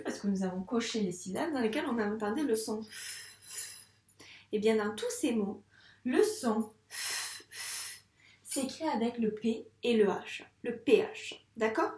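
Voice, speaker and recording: Her voice is on the high side and a little mellow, with a roomy sound around it. This woman, a primary school teacher, patiently teaches a young child over video, stretching each word into its syllables.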